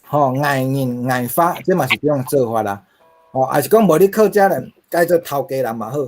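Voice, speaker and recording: A man's voice: medium pitch, animated, brisk, faint music behind. A middle-aged man with a Taiwanese accent, giving a linguistics lecture to a class, asking rhetorical questions and using many fillers.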